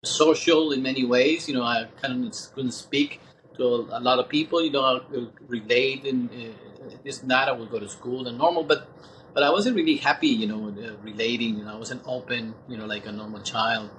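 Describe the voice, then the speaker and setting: A man in his sixties talks as an interview guest, thoughtful and unhurried in his reflection. He halts and pauses as he gathers his words, in a middle-pitched voice. A faint hiss sits behind him. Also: fairly bright tone, rough recording. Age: 60s. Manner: thoughtful, halting, many pauses.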